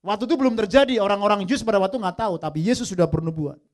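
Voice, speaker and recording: A male pastor preaching a sermon, swinging from loud emphatic peaks to soft low asides and mixing in English phrases. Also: rapid-fire. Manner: lively preaching, mixing English phrases, addresses listeners as brothers and sisters.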